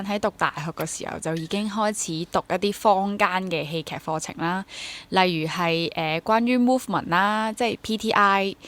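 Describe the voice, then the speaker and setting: A young woman guest on an interview, who performs in theatre and teaches drama, chats informally in Hong Kong Cantonese-accented speech laced with English words. Her pitch is fairly low and her tone fairly bright.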